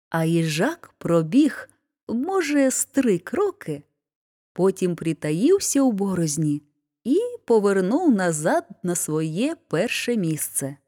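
Slow, expressive woman reading a fairy tale. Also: lowish voice. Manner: expressive, unhurried narration. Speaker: storyteller. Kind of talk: storybook reading.

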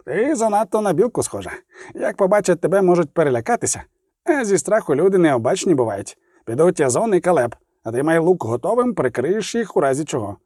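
A man voicing a gruff, bossy male gnome leader in a storybook reading, with a blunt, folksy way of giving orders. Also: a little high, big pitch swings, a little fast, a little mellow, dry recording, clean studio sound, pitched above the performer's own voice. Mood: commanding. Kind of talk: audiobook character reading.

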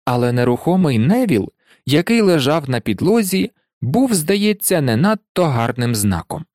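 An audiobook narrator reading a fantasy story in an animated storytelling manner. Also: medium pitch, moderate pace, no echo, studio quality. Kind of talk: scripted narration.

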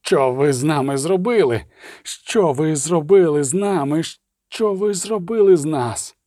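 A man voicing a grim male dwarf leader, bitter and shaken, speaking slowly and heavily in an audiobook. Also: fairly low pitch, big pitch swings, slightly rough, dry recording, clean studio sound, voice pushed down, heavily acted.

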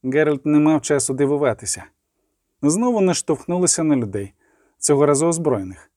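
Male audiobook narrator, fantasy, mellow warm tone, dry close studio sound. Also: on the high side, lively intonation, brisk, no echo.

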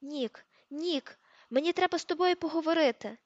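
A woman voicing a teenage boy wizard who pleads and shouts urgently, in a dull, dry audiobook recording. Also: sits high, normal speed, no echo, pitched above the performer's own voice.

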